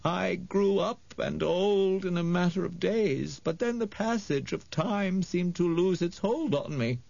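A male reader voicing a weary, ancient, gentle woman who speaks slowly and tenderly, with a frail, creaky voice. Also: high-pitched, no echo, voice pushed up, heavily acted. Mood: sorrowful. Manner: slow, tender, calling the boy "my sweet". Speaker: audiobook reader. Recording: dull, dry studio read.

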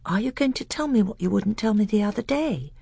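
A man voicing an excited young boy prince who talks in high, hushed, eager whispers in a storybook reading. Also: a little fast, vocal fry, husky, no echo, exaggerated voice. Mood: awed, eager.

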